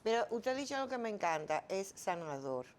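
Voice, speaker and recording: A woman's voice: mid-range voice, big pitch swings, brisk. A woman hosting an interview, asking reflective, probing questions. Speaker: interview host. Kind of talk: conversational interview.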